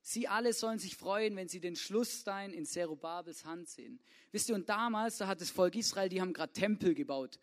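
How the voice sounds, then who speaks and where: Casual preacher, high voice. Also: male voice, brisk. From Swabia, Germany. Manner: casual, informal, keeps asking "oder?". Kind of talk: youth sermon.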